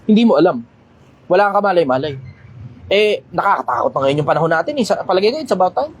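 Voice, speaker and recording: A man hosting a casual livestream Q&A, talking bluntly, swearing casually and getting loud when he makes a point. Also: sits high, very animated, fast talker, slightly rough, rough recording. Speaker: livestream host answering questions.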